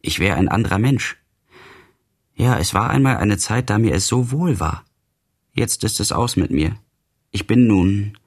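A man voicing a gentle, confused young madman in an audiobook reading, wistful and childlike in manner. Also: on the low side, expressive, a little slow, long pauses, husky, full character voice.

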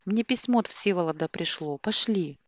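A distraught young woman voiced by a female reader pleads and shouts in an audiobook, her voice pushed up high and loud. The sound is dry and close, with no room around it. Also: animated, normal speed, dry recording, close to an everyday voice. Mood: frantic.

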